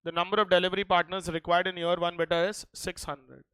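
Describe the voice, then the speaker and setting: A man's voice: high voice, flat delivery, fast talker, bright, forceful tone, clean tone, dry recording, low-quality recording. A man with an Indian accent giving a classroom lecture, mixing Hindi into English and insistently checking that students follow. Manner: insistent, often checking that students follow, addressing them familiarly. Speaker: teacher of an exam preparation class.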